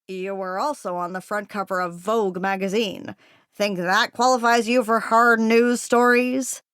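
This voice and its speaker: A woman voicing a gruff, bossy male newspaper editor in an audiobook, speaking bluntly and emphatically in a cozy mystery narrator's performance. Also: mid-range voice, fairly even intonation, a little slow, fairly bright tone, no room sound, clean studio sound, natural voice. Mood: needling. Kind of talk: audiobook character dialogue.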